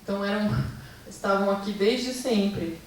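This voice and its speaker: This seminar lecturer, a woman with a Brazilian Portuguese accent, speaks in a mid-range voice at a measured pace, stumbling through fillers and restarts while asking for the next slide of her research talk. An echoey hall and a distant mic add slight background noise.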